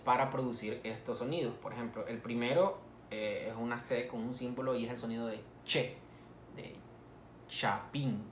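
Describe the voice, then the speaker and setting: A man's voice: mid-range voice, slight background noise. Male teacher repeating example words. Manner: slow, repeats example words for students to copy. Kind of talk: phonetics lesson. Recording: echoey room.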